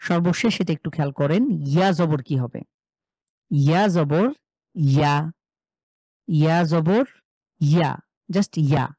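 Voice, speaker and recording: A man teaching a live Quran recitation class, slowly drilling Arabic syllables with many repeats and explaining mouth positions step by step. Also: on the high side, a little mellow, no room sound, low-quality recording. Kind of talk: live online tajweed class.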